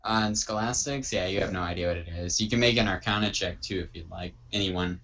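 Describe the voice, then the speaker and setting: Very deep-voiced man running a game. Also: crowd noise. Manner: halting, many ums and restarts. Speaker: game master.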